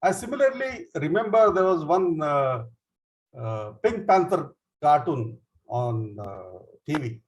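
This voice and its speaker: A man with an Indian English accent leads a speech training session, explaining in a lively way with frequent fillers and retelling jokes in small acted voices. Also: a little high, measured pace, lo-fi sound. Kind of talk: online education session.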